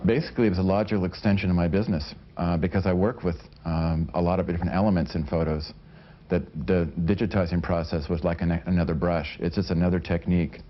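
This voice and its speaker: An American man in his forties giving somewhat halting interview answers. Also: deep voice, fairly even intonation. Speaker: interviewee, professional photographer. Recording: dull vintage TV audio.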